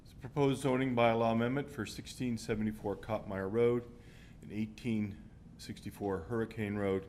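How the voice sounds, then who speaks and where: A man giving a formal planning presentation to a council, halting often as he goes. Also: fairly even intonation, darkish tone. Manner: halting, with frequent pauses and hesitations. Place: council meeting room. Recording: rumbly background room noise.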